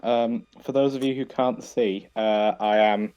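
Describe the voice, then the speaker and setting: A man's voice: fairly low pitch, fairly even intonation, a little slow, a little mellow, lo-fi sound, a little hiss or hum. A man chatting casually about his robot build as he works, self-mocking and trailing off mid-sentence. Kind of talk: casual commentary while working.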